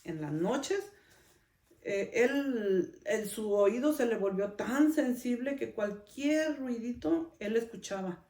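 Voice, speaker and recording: A woman's voice: fairly high pitch, expressive, takes it slowly, darkish tone, far from the mic. Woman host telling a story in a roomy room. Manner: conversational, often adds a questioning tag to her sentences. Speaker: podcast host. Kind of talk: personal storytelling. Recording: roomy sound, speaker off-mic.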